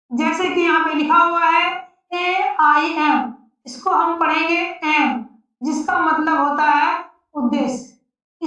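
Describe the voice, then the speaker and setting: A woman teaching an English pronunciation lesson, spelling out letters slowly and repeating each word. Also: extremely high pitch, bright, forceful tone. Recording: echoey, distant, dull lo-fi sound.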